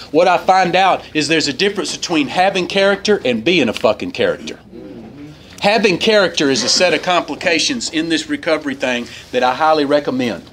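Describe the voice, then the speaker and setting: Casual: guy giving his recovery testimony in a meeting hall, pitch jumps way up when he acts stuff out, bit of background noise. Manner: animated storyteller, swings up in pitch for quoted voices. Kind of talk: personal testimony talk.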